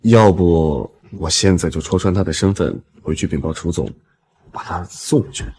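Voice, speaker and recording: Lowish husky middle-aged big shot, sucks up then blusters, pitch swings a ton. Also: male voice, big pitch swings, a little fast, a little mellow, a little hiss or hum. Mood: fawning. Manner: obsequious to superiors, blustering to others. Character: fawning middle-aged male chamber president.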